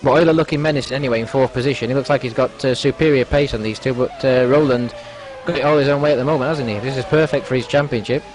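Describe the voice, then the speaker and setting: A man's voice: medium pitch, steady tone, quick pace, low-quality recording. A man giving live motorsport commentary, analysing the race in a conversational way.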